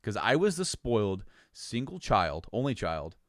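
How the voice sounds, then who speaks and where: A man co-hosting a podcast, telling stories about his father in a casual, animated way and often laughing. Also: unhurried, dry recording, clean studio sound. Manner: animated, laughs often, reenacts quotes in a high voice. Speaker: podcast co-host. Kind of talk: casual storytelling chat.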